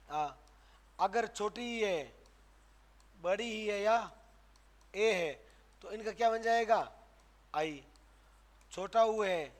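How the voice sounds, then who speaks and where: A man. He lectures in an emphatic way, putting questions to the room and answering them himself before moving on. He repeats sounds with extra stress so the students can hear the difference. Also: sits high. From Rajasthan, India. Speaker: Hindi grammar teacher. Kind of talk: classroom lecture. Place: classroom.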